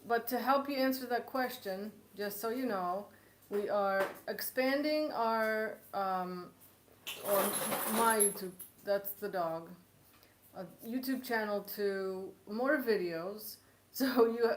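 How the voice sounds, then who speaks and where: A woman's voice: medium pitch, slight background noise. A woman in her forties from Poland, hosting a live cooking show Q&A, chatty and joking, laughing often. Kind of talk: live-stream Q&A chat. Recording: echoey room.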